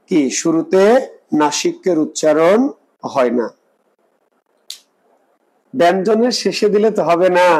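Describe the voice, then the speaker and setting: A man's voice: high voice, darkish tone, rough recording. A man teaching an exam preparation class, explaining step by step, repeating points and quizzing his students. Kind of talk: live online class lecture.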